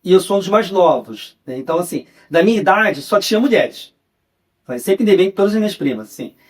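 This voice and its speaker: A young adult man with a Carioca accent, a podcast guest who recounts memories in a relaxed, chatty way and often adds a questioning tag. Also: high-pitched, fast talker. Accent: Carioca (Rio de Janeiro) Portuguese. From Rio de Janeiro, Brazil. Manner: relaxed storyteller, often ends phrases with a questioning "né". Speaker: guest, journalist and writer. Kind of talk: casual interview chat.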